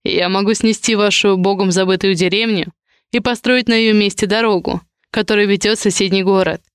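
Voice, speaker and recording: A woman reading an audiobook voices a cold, arrogant duke who speaks sternly and with quiet menace. The delivery stays curt and controlled, in a smooth, clear voice. The recording is close and dry. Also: mid-range voice, fairly even intonation, fairly quick, no room sound, natural voice. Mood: menacing. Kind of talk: audiobook character voice.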